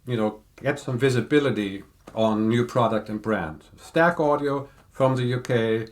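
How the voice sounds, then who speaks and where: An older man in a casual podcast chat, explaining audio equipment in a measured, technical way. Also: mid-range voice. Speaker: audio reviewer guest.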